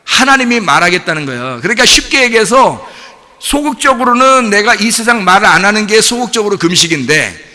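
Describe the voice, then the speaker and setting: A male pastor preaching a sermon in a lively way, asking rhetorical questions and laughing along. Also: high voice, a little fast. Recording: long hall reverb.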